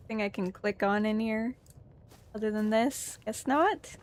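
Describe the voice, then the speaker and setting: A woman's voice: mid-range voice, unhurried. A woman streamer chatting casually while playing a story game, thinking aloud and choosing actions. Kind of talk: casual gameplay chat.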